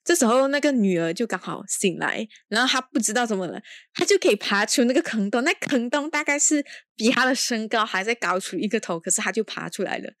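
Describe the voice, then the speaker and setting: A woman's voice: a little high, animated, fairly quick, dry recording, studio quality. A woman hosting a casual film review podcast. She talks in an exasperated, sarcastic way and drops in English exclamations. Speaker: podcast host.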